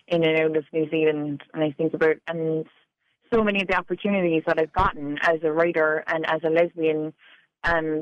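Her voice sits low in a lo-fi recording without any room sound. She is a poet from Cork, Ireland, talking casually as a radio interview guest and using lots of "like"s and "you know"s.

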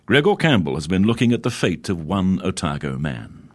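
A man's voice: low voice, very animated, moderate pace, no room sound. A man, hosting a heritage radio show and introducing segments in a solemn scripted read.

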